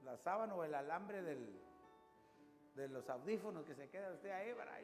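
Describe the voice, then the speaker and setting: Male pastor, high voice, storytelling sermon, reverberant room with music behind. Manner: storytelling, conversational, lively rises and drops.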